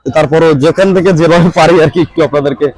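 A man's voice: fairly high pitch, steady tone, fast talker, a little mellow, dry recording, poor audio. A man, walking through a rainy, muddy outdoor cattle market, asking sellers their prices and talking straight to his viewers. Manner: chatty, addresses viewers directly, haggles over prices. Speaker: vlogger touring a cattle market. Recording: outdoor market crowd behind. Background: crowd chatter and rain.

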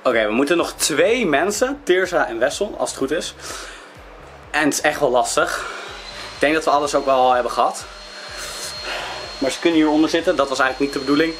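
A man's voice: fairly high pitch, a little fast, music in the background. A young man in casual vlog chat, talking in short urging phrases into a handheld camera. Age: young adult. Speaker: vlogger playing seeker in hide and seek. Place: large dark indoor trampoline park. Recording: noisy handheld camera audio.

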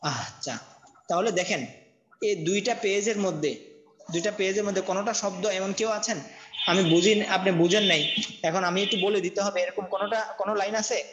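A man teaching an online tajweed class, who spells Arabic letters and vowel marks one by one in a slow, repetitive chant. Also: sits high, a bit bright, dull audio. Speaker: Quran recitation teacher.

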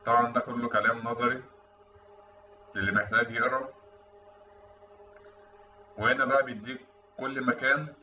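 In a conversational voice-over, an Egyptian Arabic-accented instructor explains technical topics with a forceful, bright tone at mid-range pitch. Faint noise and a dull, roomy quality come from the distant microphone.

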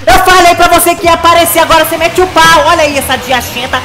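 High-voiced woman yelling at a screen. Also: fast talker, over loud music. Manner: excitable, yells advice at the screen. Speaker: reaction channel host. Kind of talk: reacting to videos.

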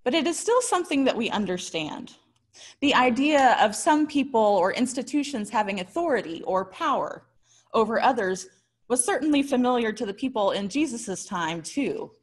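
An American woman in her thirties, a pastor, gives a sermon that is prepared yet conversational, telling stories in an expressive, articulate way. Her voice is on the high side at a moderate pace, in a small indoor room.

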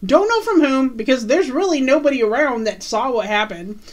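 A woman's voice: high-pitched, animated. Chatty woman podcast co-host. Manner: chatty, recounts scenes with quick asides and laughs. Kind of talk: casual chat recapping a TV episode.

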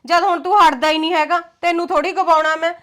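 A woman's voice: very high voice, steady tone, fast talker, fairly bright tone. An actress playing a scheming mother who coaxes and scolds her grown son in a short film drama. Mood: coaxing. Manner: coaxing, then scolding. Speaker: actor.

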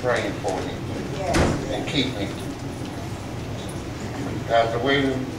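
A man's voice: mid-range voice, takes it slowly. Older man, Southern US accent, folksy preacher, reverberant sanctuary, noisy recording. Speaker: visiting pastor. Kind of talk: church remarks. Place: church sanctuary, at a pulpit. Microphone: pulpit mic, filmed by far camera. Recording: echoey church from far off, loud room noise.

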